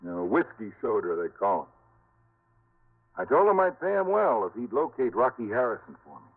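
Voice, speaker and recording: An actor playing a seasoned, cautious lawman in 1950s radio drama, speaking in a deliberate, confiding way. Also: medium pitch, sing-song. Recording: vintage narrow-band radio.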